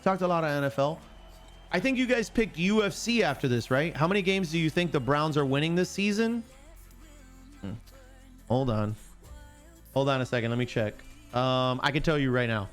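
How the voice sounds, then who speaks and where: A man's voice: a little high, normal speed, long pauses, faint music behind. A man hosting a casual live sports stream, chatting and joking with viewers and reading chat aloud. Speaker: livestream sports show host.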